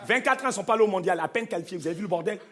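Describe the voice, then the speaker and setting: A man with a very high voice performs stand-up on a theater stage, animated and playful. He jokes with the crowd and drops into mock accents. It is a live recording, with audience laughter and a steady background noise under his voice. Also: racing. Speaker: stand-up comedian. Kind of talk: stand-up comedy routine.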